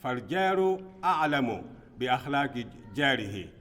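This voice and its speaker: Man, imam, Friday sermon, earnest preaching, quiet-to-emphatic swings, long hall reverb. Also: medium pitch, sing-song, very fast. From Burkina Faso. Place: mosque prayer hall.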